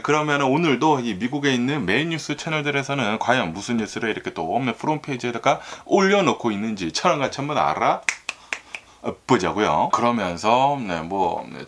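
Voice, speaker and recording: A man talking casually to his viewers about the news, rambling and filling every pause with little filler words. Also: mid-range voice, a bit bright. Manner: filler-heavy, constant "ne" and "ireoke tto"; rambling and talkative, sometimes laughs. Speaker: YouTuber reviewing US news. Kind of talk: casual solo video talk.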